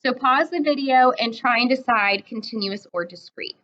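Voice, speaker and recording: A woman in her twenties with a slightly high, somewhat bright voice talks at a normal speed. She is teaching a math lesson step by step, checking in often with "right?". The classroom recording is dull and lo-fi.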